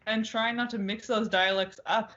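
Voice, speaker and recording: A woman's voice: on the high side, fairly even intonation, moderate pace, a bit bright, highs cut off. A woman hosting a casual interview over a video call, friendly and encouraging with short questions. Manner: friendly, encouraging, brief responses. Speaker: interviewer, host. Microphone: video call from home.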